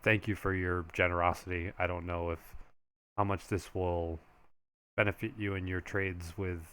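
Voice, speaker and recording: A man playing a tabletop game, speaking in a hesitant, measured and polite way. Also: low voice, fairly bright tone, smooth. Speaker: player. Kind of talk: tabletop role-play chat.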